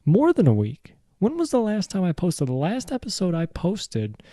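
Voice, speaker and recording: A man's voice: high-pitched, wildly swooping pitch, moderate pace, mellow, dry recording, studio quality. A man hosting his own show, rambling through a casual solo rant, joking around and swearing freely. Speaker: podcast host.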